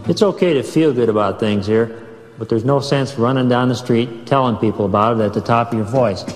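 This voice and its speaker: Male narrator, mid pitch, dry deadpan comic instruction, heard over speakers in a reverberant room. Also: brisk, soft background music. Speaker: narrator of humorous audio recording. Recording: recording played through speakers in echoey church.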